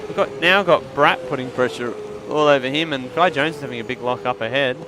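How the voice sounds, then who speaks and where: A man's voice: medium pitch, a little fast, background noise. A man giving live motorsport commentary as a conversational play-by-play that lifts with the action.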